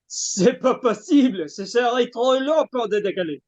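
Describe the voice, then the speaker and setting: A man's voice: very high voice, animated, normal speed, a little mellow, voice pushed up. A man voicing a flustered, apologetic French pilot in his fifties who hesitates with fillers, in a table read over a video call.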